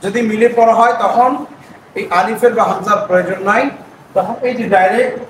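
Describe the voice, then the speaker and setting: A man teaching prayer recitation, patiently breaking words into syllables and chanting them slowly. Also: sits high, steady tone. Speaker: religious teacher. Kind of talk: explaining pronunciation step by step. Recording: echoey room, distant mic, noisy.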